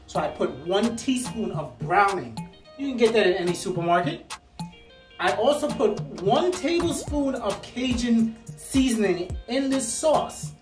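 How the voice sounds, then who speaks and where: A woman's voice: a little high, echoey room, far from the mic. A woman hosting a home cooking video, chatty and playful as she talks viewers through each step. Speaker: cooking channel host. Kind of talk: casual cooking demonstration.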